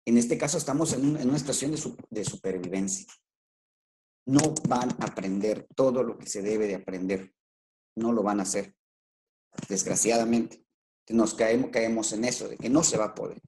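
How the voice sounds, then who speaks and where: A man's voice: fairly low pitch, moderate pace, warm tone, slight background noise. A man with a Mexican Spanish accent, a schoolteacher explaining his work in a casual interview, talking with many fillers and restarts. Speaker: rural schoolteacher, guest.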